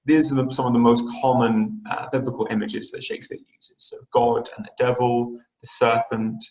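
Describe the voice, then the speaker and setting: A man's voice: medium pitch, level tone, moderate pace, darkish tone. Man teaching literature in a roomy space. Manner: explanatory, frequent fillers and restarts. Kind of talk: online lesson lecture.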